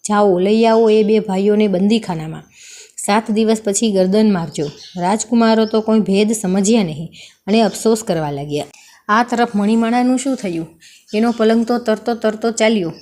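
A woman's voice: mid-range voice, mellow. A woman reading a folk tale aloud, expressively voicing the characters' lines. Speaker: storyteller.

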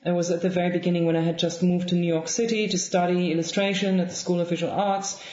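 Interviewed as a guest author, a thirtysomething woman from Germany talks thoughtfully in a German accent, her lowish voice barely moving in pitch. She speaks softly with frequent pauses, ums and restarts. The setting is an indoor home room with bookshelves, captured in roomy, somewhat dull lo-fi sound.

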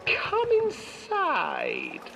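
A man voicing a cunning, greedy old witch in a shrill, wheedling tone for a storybook reading in a horror game. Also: wildly swooping pitch, extremely slow, gravelly, bright, forceful tone, slight background noise, full character voice. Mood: coaxing.

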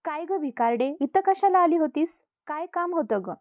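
A woman voicing a haughty, angry rich queen who scolds and shouts with scorn. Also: high-pitched, lively intonation, normal speed, no echo, voice pushed up. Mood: scornful, shouting.

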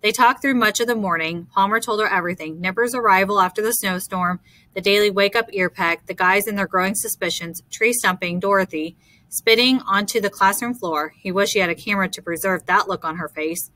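A woman narrating a novel chapter for an audiobook in steady, measured storytelling. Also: mid-range voice, dry recording. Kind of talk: scripted narration.

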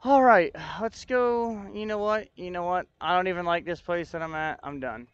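A livestreamer chats casually with his viewers, frustrated and thinking out loud as he works through technical problems. His voice sits high and is clear and resonant, at normal speed. There's no room sound, though the audio is dull.

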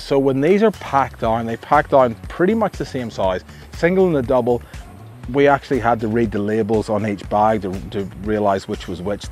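Middle-aged Australian man, chatty and upbeat gear reviewer, mid-pitched voice, lapel mic outdoors, faint music underneath. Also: a little mellow. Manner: enthusiastic, chatty, restarts often. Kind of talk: casual outdoor product review. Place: outdoor campsite among trees.

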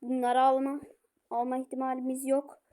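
A woman playing a football video game, commenting and shouting at her players. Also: high-pitched, monotone, moderate pace. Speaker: gaming streamer.

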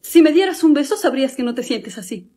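A woman's voice: high voice, animated, a little fast, dark tone. A woman playing a lovesick young man who keeps pleading with the girl he adores. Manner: pleading, persistent.

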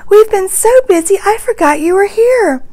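A woman's voice: extremely high pitch, animated, moderate pace, a little mellow, voice pushed up. A woman voicing a cheerful, reassuring female cartoon mouse for a storybook, with an eager, kindly manner.

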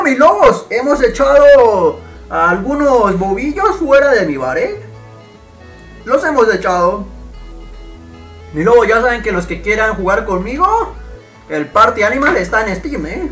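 An excitable man narrates his own gameplay, yelling and cursing whenever things go wrong. His voice swings up and down a lot as he reacts. He talks to his viewers like a channel host. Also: very high-pitched. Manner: excitable, shouts and swears at the game. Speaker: gaming YouTuber. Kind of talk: gameplay commentary.

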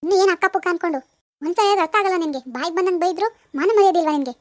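A woman's voice: very high-pitched, racing, dry recording, clean studio sound. A woman voicing a domineering, scornful mother. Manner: bossy, contemptuous. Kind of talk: animated village drama voice acting.

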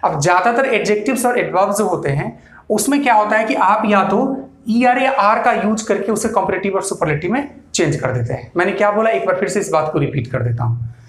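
A man's voice: sits high, lively intonation, a little fast, fairly bright tone. A male English grammar teacher giving a classroom lecture, explaining step by step, repeating points and answering his own questions. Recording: echoey room.

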